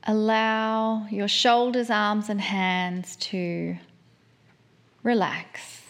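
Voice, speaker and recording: A woman leading a guided meditation in a soft, soothing manner, with long pauses between gentle phrases. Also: medium pitch, little pitch movement.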